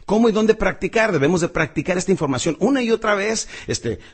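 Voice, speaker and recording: A man giving a motivational lesson on public speaking, talking straight to the listener and swinging from loud bursts to hushed asides. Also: high voice, expressive, fast talker, breathy edge. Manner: addresses the listener directly as champion.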